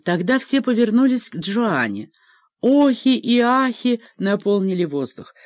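Expressive female audiobook narrator, animated delivery, dry booth sound. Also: fairly high pitch, a little slow, no echo. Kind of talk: scripted narration.

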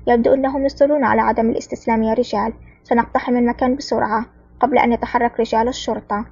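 A woman's voice: a little high, fairly even intonation, racing, gravelly, darkish tone, slightly rough, no room sound, muffled recording. A woman reading the lines of a sly, mocking male mafia lieutenant in an audiobook. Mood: alarmed. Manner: sneering, later panicked.

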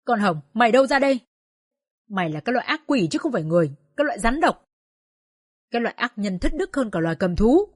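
A woman voicing a furious older village woman who shouts and curses shrilly. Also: medium pitch, lively intonation, moderate pace, pauses often, husky, no echo, clean studio sound. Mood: shrill wailing.

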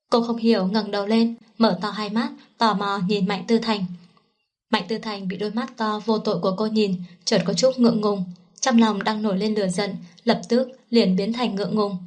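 A woman narrating a romance novel in a steady, even audiobook reading. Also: medium pitch.

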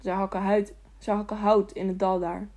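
A woman's voice: medium pitch, level tone, moderate pace, a little mellow, lightly acted. A woman voicing a lonely, simple-minded young man who asks childlike, repetitive questions. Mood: eager.

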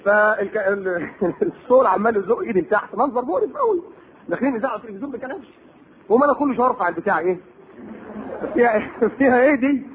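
On a tinny lo-fi tape with a little hiss or hum, a male preacher with an Egyptian Arabic accent delivers a religious lecture. His voice is very high, very animated, and very fast, and he packs the talk with rhetorical questions and sarcastic asides.

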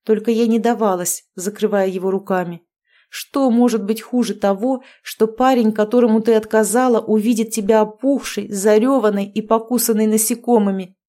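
A woman's voice: mid-range voice, steady tone, moderate pace, dark tone. A woman reading a first-person fantasy novel aloud as an audiobook narrator, telling it expressively.

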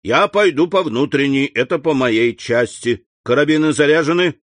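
Fields: Figure: brisk gendarme sergeant, read by a man. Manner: commanding. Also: on the high side, no room sound, lightly acted. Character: gruff male gendarme sergeant giving orders.

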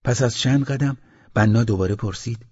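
A man reading a story aloud as an audiobook narrator, in a measured, reflective way. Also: mid-range voice, dark tone, husky, muffled recording.

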